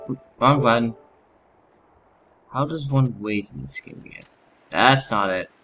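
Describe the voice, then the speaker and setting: A man's voice: mid-range voice, unhurried, pushed and bright, faint music behind. A man giving casual video game commentary, muttering to himself in a mildly exasperated way. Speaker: gamer narrating own playthrough.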